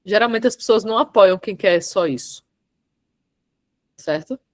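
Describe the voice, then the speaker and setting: A woman leads a public speaking lesson over a video call with a mid-range voice. She talks emphatically, slowing down and stretching the words she wants to stress, and keeps checking in with her listeners. The sound is dry and close. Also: medium pitch, no room sound. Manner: emphatic, drawn-out stressed syllables, frequent "tá?" and "certo?" checks. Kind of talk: online workshop lesson.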